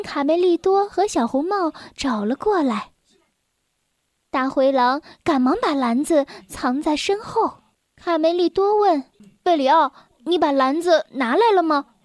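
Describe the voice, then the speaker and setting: A woman hosting and narrating a children's storybook in a gentle, expressive way. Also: extremely high pitch, dry recording. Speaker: storyteller host.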